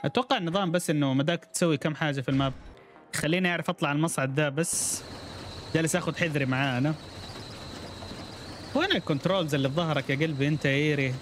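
A man with a voice on the high side streams a game, chatting very fast but with long pauses, reacting aloud and greeting viewers by name. It's casual gameplay commentary, with faint music behind.

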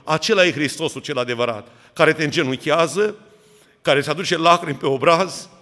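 A man's voice: a little high, pushed and bright, in a large hall. A man, an Orthodox priest preaching a sermon with emphatic rhetorical questions.

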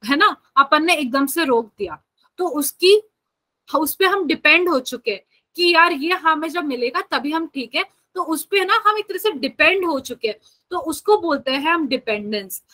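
A young Indian woman teaching biology in an online class, chatting through explanations and slowly dictating English definitions word by word. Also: high-pitched, expressive, bright, forceful tone, poor audio.

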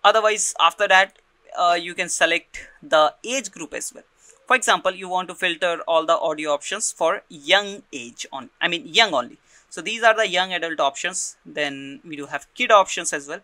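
A man presenting a software tutorial, explaining step by step and often checking in with a quick "right?" while repeating his words. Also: high-pitched, no echo. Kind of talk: screen-recorded software tutorial.

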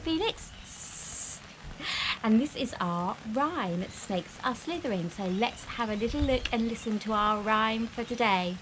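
A woman in her thirties presenting a children's lesson outdoors in a broad, singsong kids' presenter manner. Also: fairly high pitch. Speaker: children's phonics teacher and presenter. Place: outdoors in a home backyard. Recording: faint outdoor background noise.

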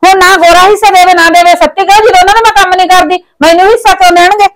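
A woman's voice: extremely high pitch, steady tone, rapid-fire, a crowd in the background, poor audio. An actress playing an aging mother neglected by her son and daughter-in-law, talking in a complaining, reproachful way in a village drama. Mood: pleading. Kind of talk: village web drama acting.

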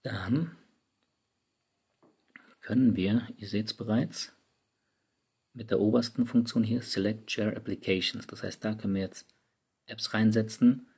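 Gravelly-voiced man explaining phone settings. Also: fairly low pitch, steady tone, unhurried, pauses often, a little mellow. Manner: casual, chatty, addresses viewers directly. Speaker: tech YouTuber. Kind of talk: screen-recorded app tutorial. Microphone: studio microphone.

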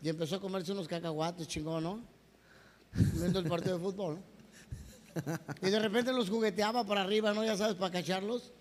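A man's voice: high-pitched, fairly even intonation, a little fast, pauses often. A man with a Mexican accent telling a joke in casual, slangy stand-up style, often checking in with the audience. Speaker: comedian. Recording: echoey hall, faint background noise.

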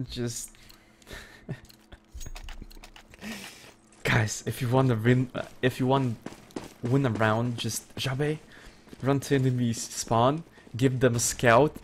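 A man casting a live shooter match, amused and often laughing in disbelief at the plays. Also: medium pitch. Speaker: esports caster. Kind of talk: live game commentary. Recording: game gunfire noise behind voice. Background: game gunshots and clicks.

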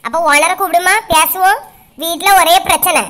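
A woman playing a pushy middle-aged customer, bossy and quick-tempered, with a Kanyakumari accent. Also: extremely high pitch, fairly even intonation, pushed and bright. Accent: Kanyakumari Tamil. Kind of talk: comic sketch acting.

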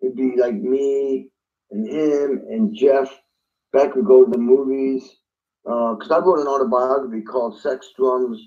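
A man's voice: mid-range voice, fairly even intonation, a little slow, dark tone, highs cut off. A man, a guest drummer, telling a story in an interview and acting out phone calls in different voices.

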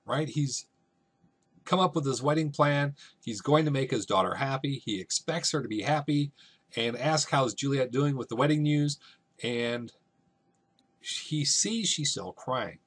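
A man's voice: medium pitch, a bit bright, breathy edge. A man teaching a literature lesson in a casual, conversational way, often checking in with "right?".

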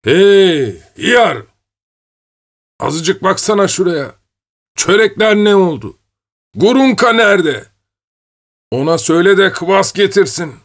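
A frail old veteran, toothless and proud, rambling on about old campaigns, as a man puts him on in an audiobook. The voice sits low. He drifts from one memory to the next. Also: measured pace. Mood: shouting. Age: older. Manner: rambling, reminiscing. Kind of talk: audiobook character voice.

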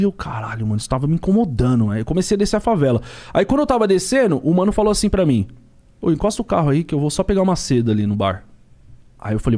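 A young man tells a story with quick, slangy street talk, playing out every exchange. His voice sits a bit high and leaps around in pitch. He rushes along at a rapid clip. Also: a little mellow. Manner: slangy and street-talking, acts out dialogue. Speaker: ride-share driver and podcast guest. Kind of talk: storytelling in a podcast chat.

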